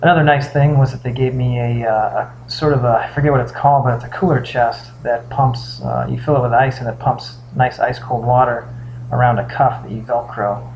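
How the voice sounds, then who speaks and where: A man giving a casual, halting video update as a patient, sounding weak and drained the day after surgery. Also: mid-range voice, steady tone, a little mellow. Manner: halting, pausing often mid-thought. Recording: dull lo-fi sound with faint hum.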